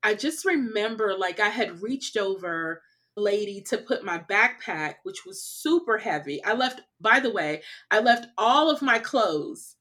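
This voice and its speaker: Woman guest on a podcast telling travel stories, chatty and animated, laughs a lot, says "like" and "you know" constantly, middle-range voice. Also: medium pitch, unhurried. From California. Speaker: interview guest. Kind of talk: casual conversational storytelling.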